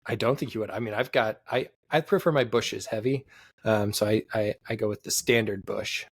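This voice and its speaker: A man co-hosting a sports podcast, rambling in casual chat with lots of fillers and sudden pitch jumps. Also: normal speed, breathy edge, dry recording. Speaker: podcast co-host.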